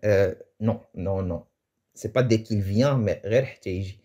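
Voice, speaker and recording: A man's voice: on the low side, moderate pace, mellow. Man teaching, hesitant and chatty. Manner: hesitant, thinks aloud with restarts and chuckles. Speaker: Moroccan Arabic teacher. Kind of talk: casual explanatory lesson.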